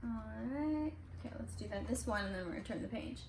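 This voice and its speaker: A woman with a mid-range, slightly mellow voice reads a picture book to children at home, speaking fast and animatedly. She keeps it casual and conversational and throws in small explanations. The home recording sounds roomy and echoey, with faint noise.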